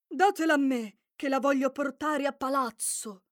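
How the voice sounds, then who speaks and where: A woman's voice: high-pitched, normal speed, dry recording, studio quality, lightly acted. A woman voicing a determined young fairy-tale prince who speaks firmly and commandingly. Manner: firm, commanding.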